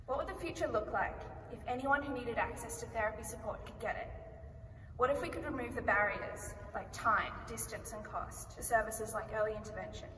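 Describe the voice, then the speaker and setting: An Australian woman, a company founder, gives a rehearsed pitch in a large conference hall, her clear, measured voice pitched slightly high and a bit bright, with rhetorical questions woven in. The recording catches her from far away, so a long hall echo follows each phrase and heavy background noise runs underneath.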